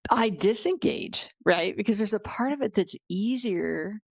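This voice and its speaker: A woman hosting a podcast, talking in a thoughtful, searching way with many pauses and fillers, her voice slightly worn. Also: mid-range voice, creaky, dry recording, studio quality. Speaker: podcast host. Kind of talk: reflective interview conversation.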